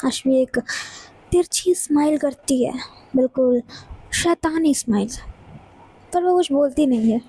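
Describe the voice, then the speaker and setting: A woman narrating a romance audio story in a plain, even storytelling manner. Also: sits high, unhurried, pauses often, low-quality recording.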